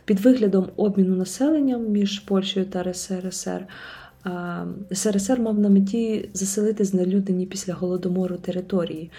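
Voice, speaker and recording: Woman reading her podcast script, low dark voice, super clear and smooth. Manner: calm, measured reading. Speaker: podcast host. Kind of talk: scripted narration.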